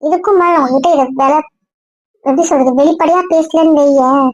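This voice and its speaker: A woman's voice: high voice, steady tone, moderate pace, dry recording, dull audio, natural voice. A woman voicing a blunt, protective young friend who scolds in a stream of rhetorical questions. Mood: scolding. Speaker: outspoken friend. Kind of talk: Tamil audio drama acting.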